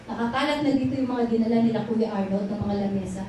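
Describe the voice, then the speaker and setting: High-voiced woman pastor in an echoey hall. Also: quick pace, dark tone, slight background noise. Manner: emotional, mixes English into her talk. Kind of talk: testimony sermon. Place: church hall. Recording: very echoey, from far off.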